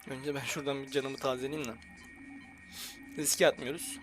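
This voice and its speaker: A young man with a Turkish accent commentating his gameplay casually, joking and grumbling at the game with sudden loud outcries. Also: mid-range voice, level tone, moderate pace. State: slight headache. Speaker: gaming YouTuber. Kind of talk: casual let's-play commentary. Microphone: headset.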